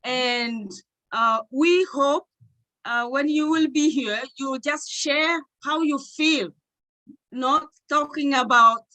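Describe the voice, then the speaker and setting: A woman from Togo, co-hosting an online panel, speaking with excitement and many halting fillers. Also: high-pitched, low-quality recording. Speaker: co-host.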